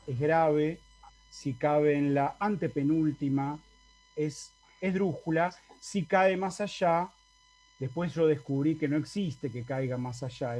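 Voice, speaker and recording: Over a video call, a university Latin teacher with an Argentine Spanish accent lectures in a fairly high, slightly mellow voice. He explains patiently and keeps asking students to confirm they understand.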